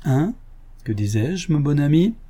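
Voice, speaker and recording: A man reading the part of a cocky, mocking gentleman thief in an audiobook, taunting and condescending. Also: on the high side, lively intonation, measured pace, husky, voice pushed up.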